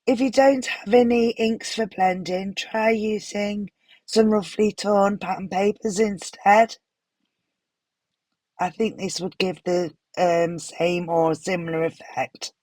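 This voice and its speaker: A woman with a hoarse, unwell voice, gently narrating a craft tutorial voiceover with some apologetic pauses. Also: mid-range voice, fairly even intonation, dry recording. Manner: gentle, apologetic, stops for fillers. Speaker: card-making tutorial host.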